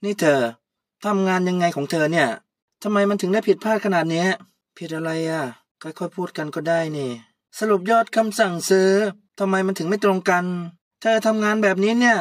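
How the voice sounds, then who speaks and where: A woman's voice: sits low, little pitch movement, a little fast, few pauses, no echo, clean studio sound. A woman doing a haughty young woman boss. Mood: scolding. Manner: loud, scolding, haughty. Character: arrogant young woman, a newly promoted boss. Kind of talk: one-voice audio drama.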